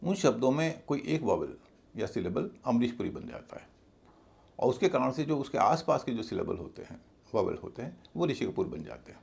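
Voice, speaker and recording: Gravelly man teaching patiently. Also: mid-range voice, very animated, normal speed, darkish tone. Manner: patient, spells words out letter by letter. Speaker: English teacher. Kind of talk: spoken lesson explaining pronunciation.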